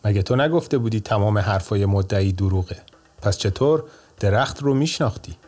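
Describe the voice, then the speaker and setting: Give me a calm, clever old judge in a bedtime story, as a man puts him on. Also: fairly low pitch.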